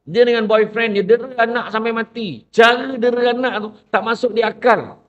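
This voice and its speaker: A man with a Malaysian Malay accent speaking as a panelist on a debate talk show, telling stories in an animated way and acting out other people's voices. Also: very high voice, normal speed. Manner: animated storyteller who acts out quoted voices. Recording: distant, dull lo-fi sound.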